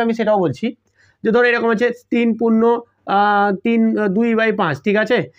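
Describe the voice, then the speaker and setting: A man's voice: sits high, dull audio. A man teaching a math lesson for exam prep, explaining step by step and often checking whether the students have understood. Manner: explains step by step, repeats key terms, checks "got it?" often.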